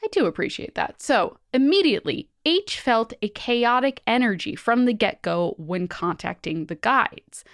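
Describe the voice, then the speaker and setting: A woman co-hosting a podcast, retelling listener ghost stories in an animated, joking way. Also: on the high side, normal speed, few pauses, dry recording, clean studio sound. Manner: animated, swears and laughs. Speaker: podcast co-host. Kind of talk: casual podcast chat, reading listener stories.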